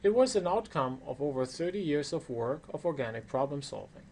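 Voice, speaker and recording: A man's voice: fairly high pitch, sing-song, brisk, a little mellow, a little hiss or hum. A man with a non-native English accent gives a prepared lecture as a course instructor, explaining things with emphasis. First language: not English.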